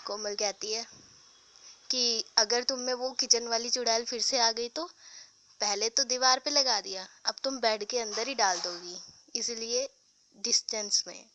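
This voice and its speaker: Young woman narrating a story, higher voice, bright and sharp, trips over words and restarts. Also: steady tone, a little slow, slight background noise. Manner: narrates and voices all characters in the same voice, with restarts. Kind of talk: casual spoken storytelling.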